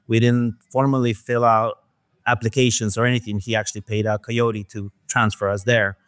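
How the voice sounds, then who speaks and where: A man from Mexico, a guest in an interview, talking in a soft, hesitant way with many fillers. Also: lowish voice, level tone, normal speed, smooth, no echo. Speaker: guest, restaurant owner. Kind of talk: casual interview talk.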